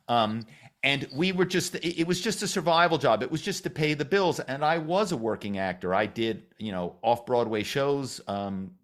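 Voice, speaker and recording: A middle-aged man from Philadelphia, a former corporate spy and actor, telling animated stories in a podcast interview and acting out the voices he quotes. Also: medium pitch. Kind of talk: storytelling interview.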